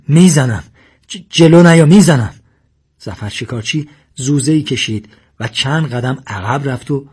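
A man narrating a story aloud in a quiet, steady way. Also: mid-range voice, husky.

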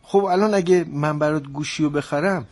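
A man playing a harried father who trades online and is quick to snap at his family, in a scripted family drama. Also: fairly high pitch, a little mellow, slight background noise, close to an everyday voice. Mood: tense. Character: harried middle-aged father trading online, easily flustered.

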